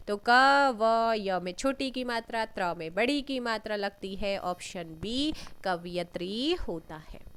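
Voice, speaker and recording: A woman teaching an exam-prep lesson, reading out questions and giving answers, often clearing her throat. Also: on the high side, a bit bright. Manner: unhurried, reads questions then gives answers, frequent throat clearing.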